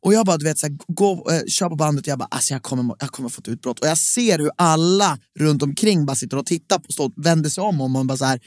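A young man co-hosting a casual podcast chat, telling an animated rant of a story. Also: fairly high pitch, hardly any pauses, no echo, studio quality. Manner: animated storytelling with rants and acted quotes. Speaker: podcast co-host. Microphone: studio microphone.

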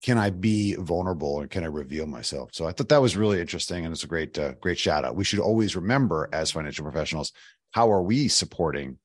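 A man co-hosting a podcast discussion in a conversational style, his voice hoarse, raspy and nearly gone. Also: sits low, expressive, fast talker, no room sound, studio quality. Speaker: podcast co-host. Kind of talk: conversational discussion of financial advising.

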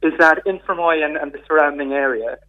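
A man's voice: on the high side, a little fast. A man from County Kerry with a south-west Irish accent, explaining things in a discursive, conversational way as a radio interviewee. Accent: Irish, Kerry in the south-west of Ireland. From County Kerry, Ireland. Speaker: interviewee, community integration worker. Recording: narrow tinny phone line.

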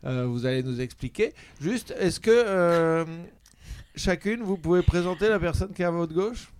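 A man's voice: high voice, lively intonation, moderate pace, darkish tone, clear, resonant tone. A man hosting a podcast in a small theatre, chatting casually and joking, with lots of hesitations. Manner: joking, hesitant with many fillers. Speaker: podcast host. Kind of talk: casual chat.

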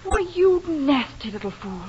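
A sharp, anxious young wife. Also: female voice, high-pitched, very animated, moderate pace. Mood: indignant. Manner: sharp, indignant. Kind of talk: 1940s radio acting. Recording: dull old radio broadcast, faint hiss.

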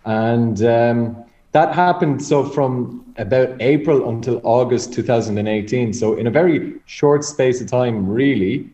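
Mellow male author in a roomy, muffled recording. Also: medium pitch, measured pace. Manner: hesitant, reflective, repeats words. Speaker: author, interview guest. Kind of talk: conversational interview answers. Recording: muffled, roomy remote connection.

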